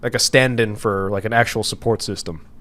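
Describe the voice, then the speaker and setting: A young man co-hosting a casual podcast, joking around with slangy asides and quick reactions. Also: lowish voice, fairly even intonation, a bit bright. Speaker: podcast co-host.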